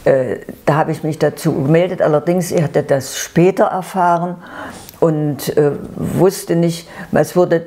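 A sweet, gentle woman in her nineties from eastern Germany tells her life story unscripted, haltingly, searching for words and repeating herself. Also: sits low, steady tone. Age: 90s. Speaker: grandmother recounting her life.

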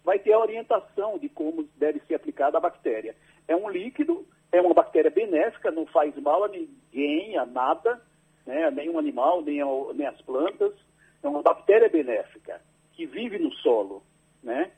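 A man's voice: a little high, big pitch swings, moderate pace, darkish tone, husky, poor audio. A man explaining his research to a radio host over a landline phone, patient and careful, often tagging his sentences with a questioning "right?". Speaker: agricultural researcher, interview guest.

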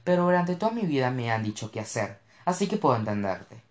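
A man's voice: mid-range voice, sing-song, a little fast, natural voice. A narrator voicing a rich young male actor who talks in a cocky, teasing way. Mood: teasing, blunt. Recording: roomy echo.

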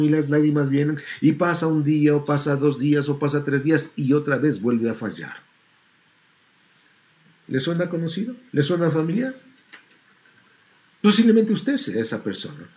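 A man preaching a sermon to a congregation, stretching out key words and asking rhetorical questions. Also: fairly high pitch.

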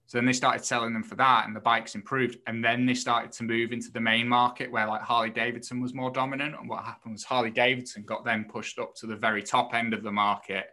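Bright-voiced man chatting on a podcast. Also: medium pitch, little pitch movement, fast talker, hardly any pauses. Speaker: podcast co-host reviewing a book. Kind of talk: casual explanatory chat.

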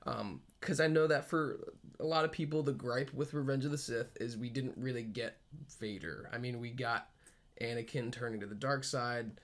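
A man co-hosting a podcast in casual fan chat, talking excitedly and rambling, with frequent laughs. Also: medium pitch, moderate pace. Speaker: podcast co-host.

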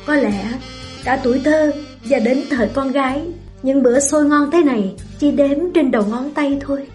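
A woman reading a first-person story aloud in a slow, melancholy way. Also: sits high, a little mellow, soft background music.

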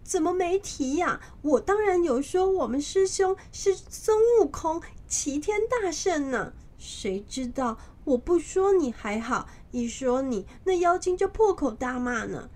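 A woman voicing a sly, lazy male pig-headed disciple in a children's storybook, with a wheedling, drawn-out manner. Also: sits high, lively intonation, a little mellow, voice pushed up. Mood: pleading.

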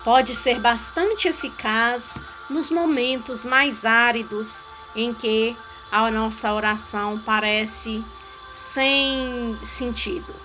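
A woman giving a calm, measured devotional teaching on a way of praying. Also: a little high, over music, low-quality recording. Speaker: spiritual guide.

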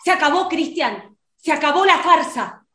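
An Argentine woman delivers an indignant, scolding rant in a comedy sketch. Her voice is very high and sits in an echoey room. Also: animated, moderate pace, a bit bright.

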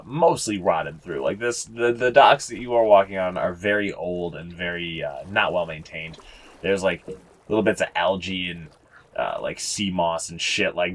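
A young man narrating a tabletop game as game master, rambling with many fillers and casual swearing. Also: low-pitched. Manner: rambling, lots of fillers, profane.

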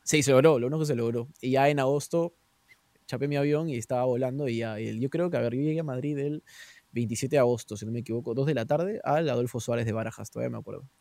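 A man's voice: medium pitch, fast, vocal fry, darkish tone, no room sound. A young man with a Peruvian Spanish accent, a guest telling stories in a casual chat, full of fillers and tag questions. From Peru.

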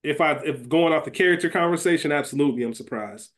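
This podcast co-host talks quickly in a slightly high, somewhat bright voice. He trades casual, profane banter in a sports-draft style about a TV series, thinking aloud and repeating himself as he weighs his choices.

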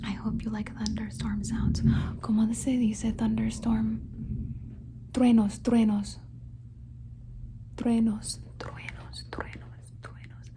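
A woman's voice: a little high, slight background noise. Whispering Colombian-born woman, ASMR ramble. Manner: soft whisper, switching between Spanish and English, repeating words for tingles. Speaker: ASMR creator. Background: faint thunderstorm sounds.

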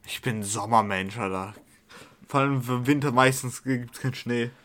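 A man's voice: medium pitch, moderate pace, fairly bright tone. A young man in casual chat with friends, rambling with fillers, slang and swearing.

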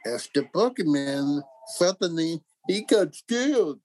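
A narrator and host reading a scripted children's story and facts in a theatrical, deliberate way. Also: mid-range voice, expressive, darkish tone.

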